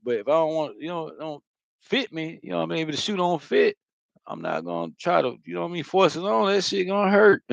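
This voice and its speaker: A man's voice: a little high, gravelly, no echo, muffled recording. A man giving a loose, profane spiritual monologue, talking casually with lots of fillers. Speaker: spiritual vlogger.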